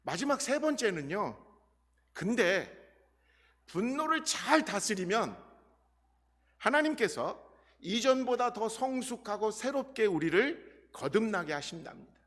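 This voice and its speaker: A male pastor delivering a Sunday sermon, his fairly high voice leaping up and down as he speaks straight to the congregation. He acts out prayers and dialogue with earnest feeling. Long reverb from the church hall trails after his words. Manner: animated preaching, addresses the congregation directly. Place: church sanctuary.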